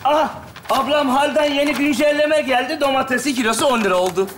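A man playing a market vendor in a stage comedy sketch, calling out loud sing-song sales cries. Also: extremely high pitch, brisk, background noise. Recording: live stage show with roomy echo. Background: studio audience.

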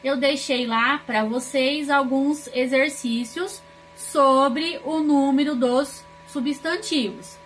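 High-voiced slow Brazilian woman teaching. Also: a little hiss or hum. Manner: slow, explains with rhetorical questions. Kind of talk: recorded grammar lesson.

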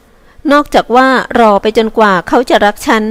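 A woman's voice: on the high side, clean tone, natural voice. A woman reading as a despairing young woman. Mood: sorrowful. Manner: soft, sad, halting pleading.

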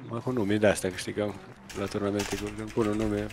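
A man with a lowish voice talks through a tournament match with his friends. He is excitable, cheering loudly and groaning at each play, with a little faint noise under him. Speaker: gamer playing in a tournament. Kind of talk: casual gaming banter.

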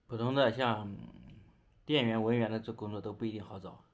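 A man's voice: lowish voice, steady tone, brisk. A young adult man from China chatting casually as he eats, talking with his mouth full and chewing between phrases. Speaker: vlogger. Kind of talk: casual chat while eating. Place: small indoor bedroom.

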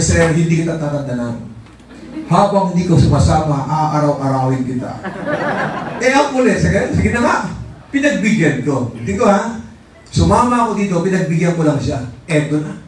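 A man's voice: high voice, distant mic. A middle-aged man giving a live motivational seminar talk, telling his story with animation and acting out quoted voices. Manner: animated storytelling, mixing English phrases; acts out quoted voices and raises his voice for effect. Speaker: motivational speaker. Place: large seminar hall with a live audience. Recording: echoey hall, voice from afar. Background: faint audience and room noise.

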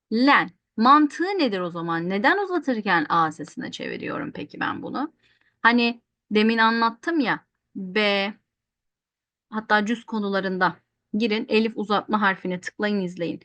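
A woman's voice: on the high side, lively intonation, unhurried, sharp tone, dry recording. A woman teaching Quranic recitation rules in an online lesson, explaining patiently and often repeating points. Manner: explains patiently, repeats rules, asks questions then answers them.

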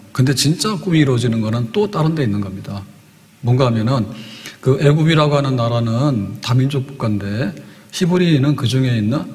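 With a darkish tone and ordinary mid-range male pitch, an older pastor gives a sermon from a church pulpit through a podium microphone, the hall's long reverb trailing behind him. He tells it like a story, step by step, asking rhetorical questions often.

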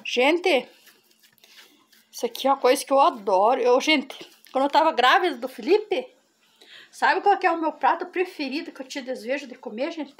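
A middle-aged Brazilian woman with a high, expressive voice chats with her viewers at normal speed, demonstrating a recipe in her farm kitchen. This casual cooking vlogger keeps addressing them as "gente."

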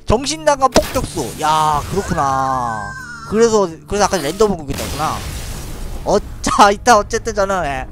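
High, lively-voiced male game streamer. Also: normal speed, over music. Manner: chatty, thinks aloud, frequent little laughs. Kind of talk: live gameplay commentary.

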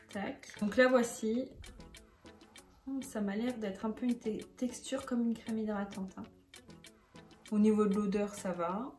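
A young woman, chatting bubbly and animated as a beauty vlogger testing makeup. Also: mid-range voice. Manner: bubbly, chatty, exclaims a lot. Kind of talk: casual makeup tutorial vlog. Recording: echoey room with background music.

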